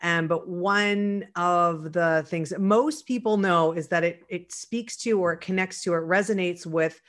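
A woman co-hosting a podcast in a casual, animated way, sometimes mimicking panicked listeners and dropping into quiet asides. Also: on the low side, measured pace. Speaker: podcast co-host.

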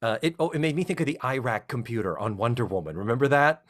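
Talking fast in a medium-pitched voice, a middle-aged podcast co-host recounts a TV episode during casual conversation. The storytelling is animated and rambling, full of performed character lines.

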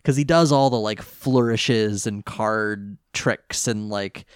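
A man co-hosting a casual podcast chat, easygoing and quick to laugh. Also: lowish voice, smooth, dry recording, studio quality. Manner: giggly and easygoing, laughs often. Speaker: podcast co-host.

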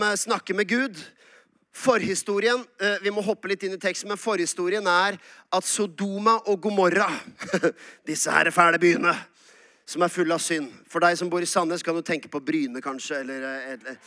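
A man from the Oslo area with an Eastern Norwegian accent, preaching a sermon with humor and lively storytelling. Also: high-pitched. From Norway, Oslo area. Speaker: pastor.

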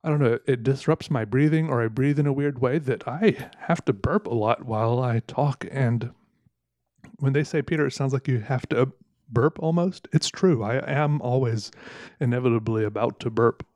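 Man, casual solo chat, rambling and wry, mid pitch, dry close-miked sound. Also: moderate pace, darkish tone, dry recording. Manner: rambling, self-correcting, wry. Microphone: close microphone.

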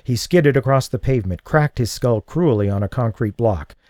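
A man giving a dramatic audiobook narration of a thriller, measured and slowing for tense beats. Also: mid-range voice, expressive, a little mellow, no room sound, clean studio sound. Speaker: audiobook reader.

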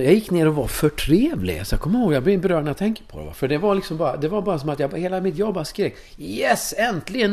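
A man in his fifties from Sweden, a course leader telling personal stories in an interview in a casual, animated way. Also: fairly high pitch. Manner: animated, casual, swears, tag questions. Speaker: course leader in sexuality and breathwork.

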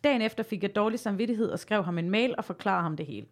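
Woman telling stories with a laugh. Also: medium pitch. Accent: Danish, from southern Jutland. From Denmark. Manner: lively, laughing storyteller. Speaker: podcast guest. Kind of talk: casual storytelling in a quiz game.

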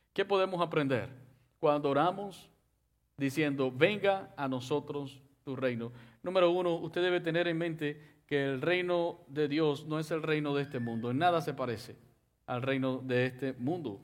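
Higher-voiced man preaching a sermon. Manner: preaching, with sharp rises and drops in loudness; reads scripture aloud and addresses the congregation directly. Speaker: pastor.

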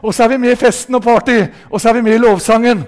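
A man with an Østfold Norwegian accent preaching a revival sermon in a meeting hall, fervent and shouting hallelujahs, swinging between loud outbursts and soft asides. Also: extremely high pitch, steady tone. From southern Norway.

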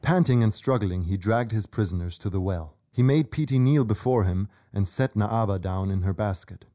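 A man reads a children's story as narrator. His voice sits fairly low and has a dark, relaxed tone suited to scripted storytelling. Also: normal speed.

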